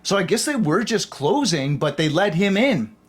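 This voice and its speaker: A man's voice: sits high, sing-song, moderate pace, slightly rough. A young man from Canada telling a story in a casual, rambling way, full of fillers and acted-out quotes. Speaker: podcast host.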